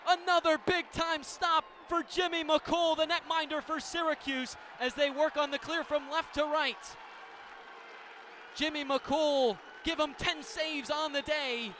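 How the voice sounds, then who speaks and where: Calling lacrosse play-by-play for live radio, this man has a very high voice with fairly even intonation and a slightly slow pace. Short, vivid phrases track the action from his spot in the venue, with chatter nearby and loud game noise all around.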